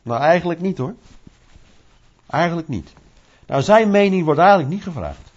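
A man preaching a sermon in a lively, conversational way, asking rhetorical questions and acting out little scenes. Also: fairly high pitch, moderate pace. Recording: dull lo-fi recording.

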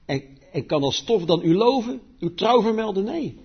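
A man preaching a sermon, declaiming scripture loudly and then dropping to quiet asides. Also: high-pitched, big pitch swings, moderate pace, slightly rough. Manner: emphatic, swings between loud declaiming and quiet asides. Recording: dull lo-fi recording.

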